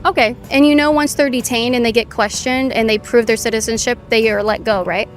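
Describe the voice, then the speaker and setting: A woman's voice: a little high, steady tone, brisk, soft background music. A woman conducting on-the-street political interviews, asking pointed, challenging questions.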